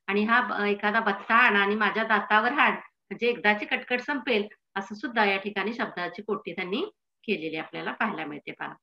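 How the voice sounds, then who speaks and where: A woman's voice: medium pitch, bright, forceful tone. A woman teacher explaining a textbook chapter to students in an explanatory manner, often prompting them to "see".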